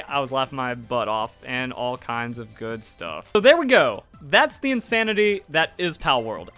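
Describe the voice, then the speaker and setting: A young man giving casual reaction commentary on a game trailer, rambling with lots of "like" and quick asides. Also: fairly high pitch, bright, forceful tone. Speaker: gaming YouTuber reacting to a trailer.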